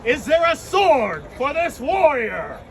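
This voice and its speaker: A man's voice: very high voice, big pitch swings, takes it slowly, some chatter behind, a little hiss or hum. A man giving a solemn, regal knighting recitation in formal ceremonial words, as the officiant.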